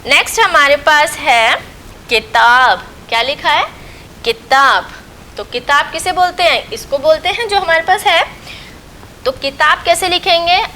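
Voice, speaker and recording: Slow, bright-voiced woman teacher. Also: sits high, a little hiss or hum, poor audio. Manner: slow, patient, repeats and asks questions then answers them. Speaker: school teacher. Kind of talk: recorded online lesson for young children.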